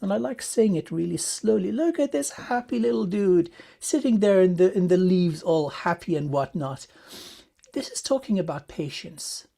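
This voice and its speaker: A woman giving a gentle spiritual rune and oracle card reading, speaking soothingly and affectionately with some fillers. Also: fairly low pitch, moderate pace, gravelly. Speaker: tarot and rune reader.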